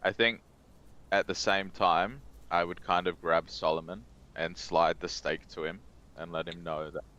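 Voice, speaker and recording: A man's voice: low voice, steady tone, measured pace, pushed and bright, muffled recording. A man playing a tabletop game, explaining in an offhand, matter-of-fact way. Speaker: player. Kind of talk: casual tabletop play.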